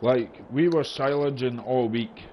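A man's voice: medium pitch, measured pace. Broad Scottish man chatting, muffled lo-fi sound. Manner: colloquial, rambling storyteller. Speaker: gamer chatting during a farming game session. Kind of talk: casual chat. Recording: dull lo-fi voice chat with noise.

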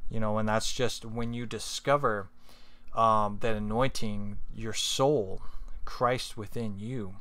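A man reading scripture and reflecting on it in a relaxed, meandering way, with many fillers and tag questions. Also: lowish voice, slow pace, no echo. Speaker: scripture reader and speaker.

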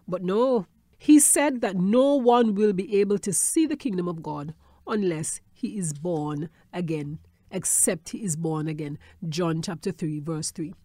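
A woman delivers a teaching sermon in a warm, mellow voice. She drives points home by repeating them and pauses for a questioning "hmm?". The recording is close and dry, with no room sound. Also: medium pitch, no echo. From Montserrat. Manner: repeats key phrases for emphasis and checks in with a questioning "hmm?". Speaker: Bible teacher.

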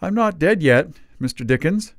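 A man reading aloud gives a higher, weak and plaintive voice to a feeble, dying, mild old Father Christmas. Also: expressive, normal speed, dry recording, studio quality.

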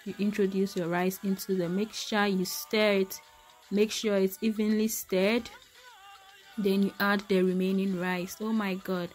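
A woman from Ghana vlogs a casual cooking demonstration at home, chatting with viewers she calls "my people" and exclaiming over the food. Her mid-range voice is unhurried, flat and darkish, with soft background music behind her.

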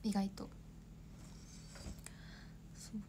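A woman in her twenties, an idol, chats casually on a livestream, drawing out her words as background noise hums along. She rambles, laughs often and answers comments from viewers.

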